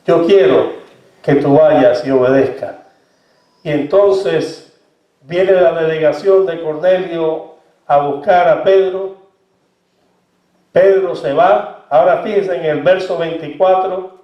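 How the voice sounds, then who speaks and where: Man, pastor, sermon, fairly high voice, distant mic in an echoey church. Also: highs cut off. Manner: slow, conversational preaching with acted-out dialogue. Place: church sanctuary.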